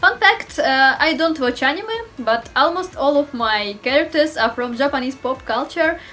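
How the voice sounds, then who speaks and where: A Russian woman in her twenties, a cosplayer and costume designer, introduces herself to camera from a room at home, speaking careful non-native English with a Russian accent. Her high voice is bright, forceful and expressive at a moderate pace, with faint music behind.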